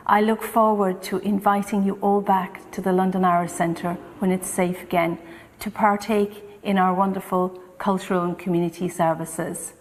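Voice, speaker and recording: A woman's voice: medium pitch, little pitch movement, normal speed. A woman leading a community centre delivers a formal, scripted address of thanks. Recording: long hall-like reverb.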